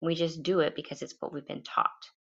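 A woman's voice: low-pitched, steady tone, a bit bright, dull audio. A woman with a sleepy morning voice, musing unhurriedly in a solo podcast monologue recorded at home. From United States. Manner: musing, unhurried, loosely rambling. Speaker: podcast host. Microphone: home podcast setup.

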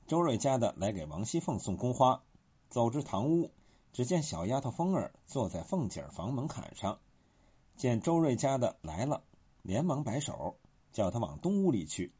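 Reading scripted literary commentary at a moderate pace, a man speaks in a very husky, breathy voice with a dark, mellow tone. His pitch moves up and down in a lively way, and the recording sounds dull and lo-fi.

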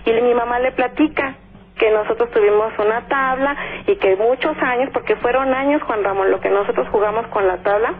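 A woman with a Mexican accent tells a spooky family story as a caller on a radio show. Her voice sits a little high and comes through a narrow, tinny phone line. She stops to act out what others said and fills her pauses with "este". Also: husky. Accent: Mexican Spanish. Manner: lively storyteller who acts out her parents' lines, frequent "este" fillers. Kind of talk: telling a ghost story on a call-in show.

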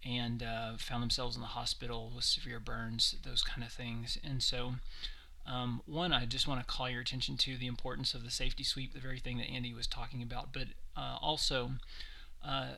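A man hosts a podcast, speaking earnestly and at a measured pace. His voice is very bright and gravelly, with little rise and fall. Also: mid-range voice, level tone, low-quality recording. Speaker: podcast host. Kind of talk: solo host segment.

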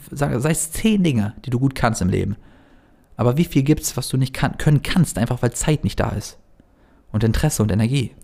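A man talking fast and earnestly to the viewer about meditation and self-belief, in a casual motivational style. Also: medium pitch, gravelly, a little mellow. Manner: fast-talking, earnest, addresses the listener directly. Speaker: self-help coach.

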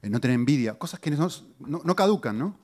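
Middle-aged man preaching a conversational sermon. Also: fast. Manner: conversational teaching, animated pitch swings, audience asides. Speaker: pastor.

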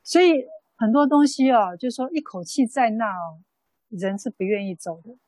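Husky-voiced nun telling a story. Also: female voice, a little high, animated, dry recording, poor audio. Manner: unhurried storytelling with many soft fillers. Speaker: Buddhist nun teaching a sutra class. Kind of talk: dharma talk told as a story.

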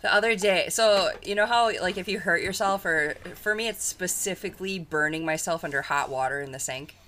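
A woman's voice: fairly low pitch, brisk. A woman co-hosting a podcast in casual chat, telling stories with lots of giggles. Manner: giggly, lively storyteller. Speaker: podcast co-host.

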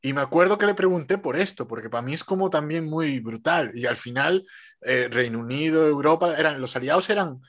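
A man's voice: fairly high pitch, brisk. Casual man in his thirties interviewing. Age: 30s. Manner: relaxed, colloquial, tells personal anecdotes.

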